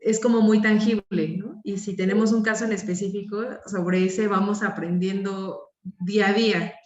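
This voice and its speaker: A woman's voice: medium pitch, steady tone, moderate pace, a little mellow, roomy sound, highs cut off. A woman student joining a class discussion, eager and agreeable. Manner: enthusiastic, agreeable.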